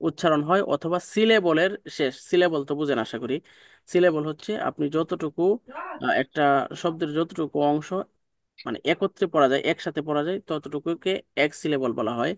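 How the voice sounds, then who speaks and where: A man's voice: on the high side, moderate pace, no echo, studio quality. A man teaching an online pronunciation class, patient, repeating sounds and checking that students follow. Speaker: English teacher.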